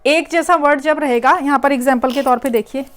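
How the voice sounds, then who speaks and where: A woman's voice: high voice, fairly even intonation, brisk, a little hiss or hum. A woman teacher, working through an exam paper step by step and repeating the key words. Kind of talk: exam paper walkthrough lesson.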